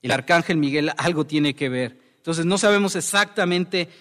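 A man preaching a verse-by-verse Bible sermon in a slow, deliberate way, often stopping to check in with his listeners. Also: a little high, fairly bright tone, big-room sound.

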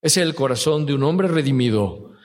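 A man's voice: mid-range voice, lively intonation, brisk. A man preaching a sermon to a congregation, often asking his listeners questions. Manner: asks the listeners frequent questions. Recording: long reverb of a large hall.

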